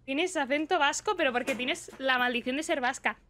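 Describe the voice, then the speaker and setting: Spanish girl streaming a game, high bright voice, chatty, yelps and swears a lot. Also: normal speed, slight background noise. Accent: Spanish from Spain. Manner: chatty, excitable, swears and shrieks at scares. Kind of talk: casual live gameplay commentary.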